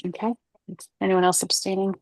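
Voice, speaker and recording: A woman's voice: mid-range voice, level tone, fairly quick, no echo. Congested lady running a zoom committee meeting, chill and polite, lots of ums, dry mic. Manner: casual, with fillers, polite. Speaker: committee chair. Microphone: video call.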